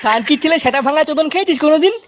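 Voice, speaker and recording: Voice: sits high, lively intonation, very fast, music in the background. A voice actor playing a foul-mouthed, hot-headed male village club boss who swears and grumbles. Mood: grumbling.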